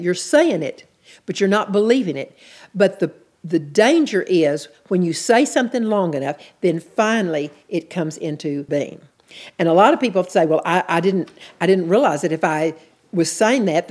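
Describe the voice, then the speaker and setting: A woman's voice: fairly low pitch, darkish tone. A woman teaching a sermon in an earnest, plainspoken way, repeating her key points. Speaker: Bible teacher.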